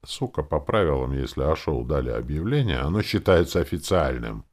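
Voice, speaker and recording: A man's voice: very deep voice, big pitch swings, a little fast, darkish tone, full character voice. A man voicing a gloomy female town hall clerk who swears a lot. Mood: glum. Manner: glum, swearing.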